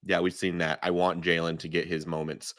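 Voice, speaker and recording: A man's voice: low voice, little pitch movement, a little fast, fairly bright tone, dry recording, clean studio sound. A man giving emphatic, opinionated takes as a guest in a casual podcast chat, often restarting his sentences. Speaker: guest analyst.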